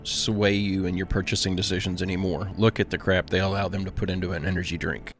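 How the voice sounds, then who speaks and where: A man speaks in a low-pitched voice with a hillbilly Appalachian accent. His commentary is casual, folksy and plain-spoken, with music playing underneath. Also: little pitch movement, fast talker.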